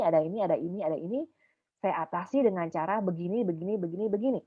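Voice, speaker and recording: Woman speaker, lively and emphatic, slightly muffled call audio. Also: medium pitch. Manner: animated, emphatic, speaks with playful self-teasing. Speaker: youth speaker. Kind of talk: talk to youth group. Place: online video call. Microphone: video call mic.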